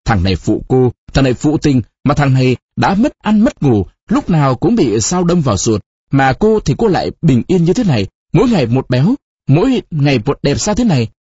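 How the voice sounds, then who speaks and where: A man's voice: fairly high pitch, big pitch swings, fairly quick, slightly rough, no echo. Storybook role: jealous young man who spits every word, read by a man, dull dry sound. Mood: furious. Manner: shouting, spitting each word, teeth gritted. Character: young man, jealous and furious, then despairing.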